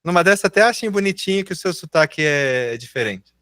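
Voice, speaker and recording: A Brazilian man with a slightly high voice teaches in a live class, patient and encouraging. He stretches the words he is showing into slow, careful sounds. His voice is dry and close to the mic. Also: animated, sharp tone, dry recording. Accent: Brazilian Portuguese. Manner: encouraging, patient, slowly drawls out example words. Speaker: English teacher.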